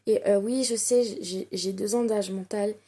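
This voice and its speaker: A woman's voice: medium pitch, steady tone, unhurried, mellow. A young woman from France chatting casually through a home vlog, self-mocking and full of fillers. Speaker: vlogger. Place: home, indoors.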